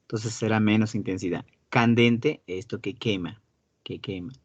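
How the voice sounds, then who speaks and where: A Peruvian-accented male teacher leads a class and drills vocabulary, stretching key words out slowly and throwing questions to his students. The sound is dull and muffled, with a dry, close feel and no room echo. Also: fairly low pitch, fairly even intonation. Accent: Peruvian Spanish. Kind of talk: classroom lesson.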